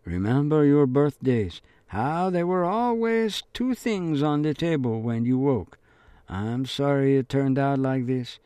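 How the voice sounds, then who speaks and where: A man's voice: mid-range voice, animated, a little slow, dark tone, smooth, no room sound, voice pushed up, natural voice. A man voicing a loving father speaking to his daughter in a letter, tender and apologetic, in an audiobook.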